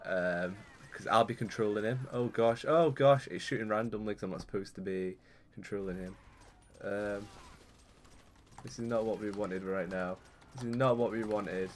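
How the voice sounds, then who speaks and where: There's slight background noise as a young man, a gaming YouTuber with a fairly low voice, gives casual commentary at a moderate pace while playing. He's talkative and rambling, and gets excited when the game turns against him.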